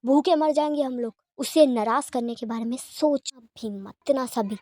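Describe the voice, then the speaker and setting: A woman's voice: sits high, moderate pace, natural voice. A woman voicing a stern furious father. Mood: angry scolding. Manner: harsh, scolding, shouting questions. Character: stern angry wealthy father scolding his son.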